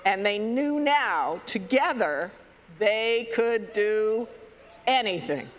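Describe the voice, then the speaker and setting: A man leading a children's story time at a worship service, playful and halting, stopping to ask the children questions. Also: high voice, lively intonation, a bit bright, lo-fi sound, slight background noise. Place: church sanctuary. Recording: echoey hall.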